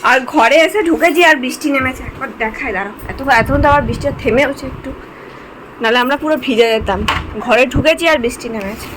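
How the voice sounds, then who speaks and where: A woman's voice: high-pitched, fast, noisy background. Chatty woman vlogging at home. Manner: chatty, addresses viewers as friends. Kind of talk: casual home vlog narration.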